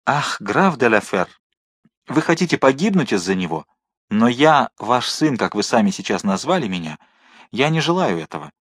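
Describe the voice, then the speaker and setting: A man acting out a fiery young musketeer in a storybook reading, biting and scornful, with his threats pushed out loud. A dry, close-miked sound. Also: mid-range voice, very animated, normal speed, breathy edge, no echo. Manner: scornful, forceful. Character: hot-tempered young male musketeer.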